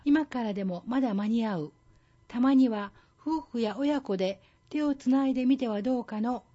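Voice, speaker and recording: Woman reading as a wise old man, mellow. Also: on the high side, normal speed, muffled recording, natural voice. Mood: wise, admonishing. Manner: old-man speech, advising like a wise elder. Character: wise old doctor, folksy and gently admonishing.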